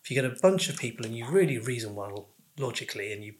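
A man interviewing in a conversational, probing way, phrasing his words deliberately and in careful fragments. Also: mid-range voice, expressive.

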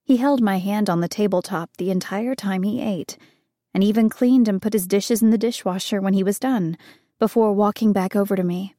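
Soft-spoken woman narrating an audiobook. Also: medium pitch, no room sound, studio quality. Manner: soft, measured and emotional. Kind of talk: first-person audiobook narration.

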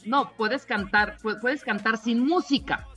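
A woman's voice: fairly high pitch, unhurried, a bit bright, faint music behind. A Mexican woman hosting a radio show, chatting casually and slangily with her guest. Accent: Mexican Spanish. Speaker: radio host.

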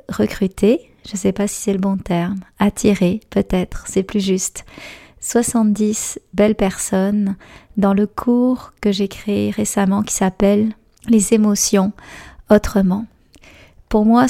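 Hoarse, gravelly-voiced Quebec woman podcasting. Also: mid-range voice, dark tone. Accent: Quebec French. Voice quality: raspy, gravelly voice recovering from voice loss. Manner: hesitant, reflective, searching for words. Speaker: podcast host and meditation teacher. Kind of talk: casual podcast monologue.

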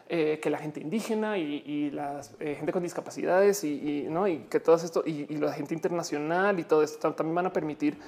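A woman's voice: fairly low pitch, dark tone. A woman with a Mexican accent hosting a live stream, chatting casually and explaining things as she reads viewer messages aloud. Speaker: live-stream host answering chat. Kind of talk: casual chat.

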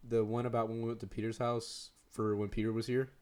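A man's voice: medium pitch, flat delivery, fast, a little mellow, smooth. A teenage boy co-hosting a podcast, telling rambling stories with lots of laughs and "dude". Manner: rambling, laughs often, says dude a lot. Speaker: podcast co-host. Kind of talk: casual chat.

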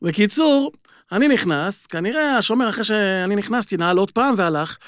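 A man on a sports podcast, telling animated stories in a casual chat. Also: high voice, dry recording, clean studio sound. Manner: animated storyteller. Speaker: podcast panelist.

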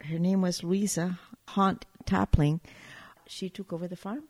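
Woman, low voice, winery owner as a chatty guest who pauses to find her words. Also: steady tone, darkish tone. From Chile. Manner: chatty, storytelling, searches for words. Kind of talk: casual interview chat.

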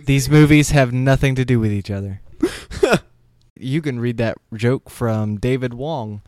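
A middle-aged man talking casually on a podcast, full of dry, wry jokes. His voice sounds smooth and clean. The recording is dry and close, with no room sound. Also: mid-range voice, unhurried, a little mellow, no echo. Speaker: podcast co-host. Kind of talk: casual chat.

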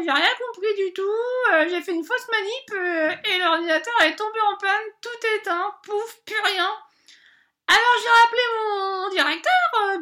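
A woman's voice: very high-pitched, sharp tone. An actress playing a hapless, scatterbrained female bank adviser in a comic monologue, rambling and hesitant with constant filler sounds.

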